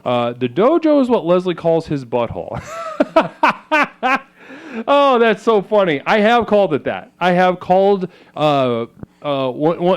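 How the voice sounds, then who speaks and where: A man with a fairly high-pitched, clean-toned voice plays a self-styled spiritual leader on a live stream. His rambling comedy monologue is mock-solemn, with lots of stammers and crude asides thrown in.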